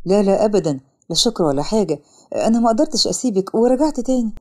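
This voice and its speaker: A woman voicing a kind, calm young man with an Egyptian accent, gentle and reassuring in a storybook narration. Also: mid-range voice, very fast, breathy edge. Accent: Egyptian Arabic. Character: kind, calm wealthy young man who rescues her.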